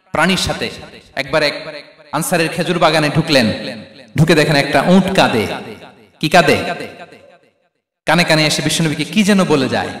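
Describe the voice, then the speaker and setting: A man's voice: on the high side, a bit bright. A man preaching a sermon with passion, calling out questions to his listeners. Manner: impassioned, calls out questions to the crowd. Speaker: Islamic preacher. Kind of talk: Bengali waz sermon. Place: large stage event hall. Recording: echoey hall with long reverb.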